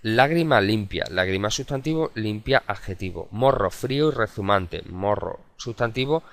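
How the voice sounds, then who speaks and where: A male teacher from gives a recorded video lesson. He explains step by step and fills his pauses with "eh" and "em". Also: fairly low pitch, lively intonation, creaky. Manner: methodical and explanatory, with frequent hesitation sounds. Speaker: adult education teacher.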